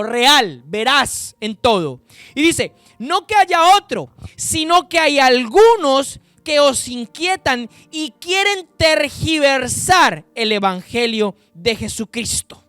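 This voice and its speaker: Male preacher, high voice, emphatic sermon delivery, speaks straight to his listeners, dry close sound. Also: pushed and bright, no echo. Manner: slow, emphatic scripture reading with sudden pitch rises and drops; addresses listeners directly. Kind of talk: sermon with Bible reading.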